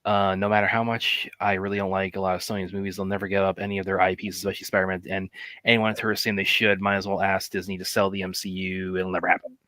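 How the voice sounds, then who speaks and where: Podcast host, male, quick and rambling, low voice, dry close mic. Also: level tone, pushed and bright, no echo. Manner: rambling, filler-heavy, joking. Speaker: podcast host reading chat. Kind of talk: casual chat.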